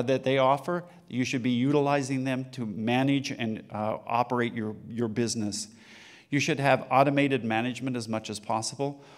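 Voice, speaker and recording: Older man, conference speaker, handheld mic, loose filler-heavy delivery, big room stage talk. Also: mid-range voice.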